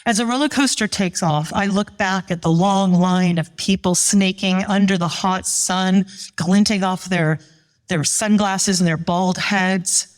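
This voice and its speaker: A middle-aged woman telling a personal story at a live show, animated and voicing the people she quotes. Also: medium pitch, a little slow.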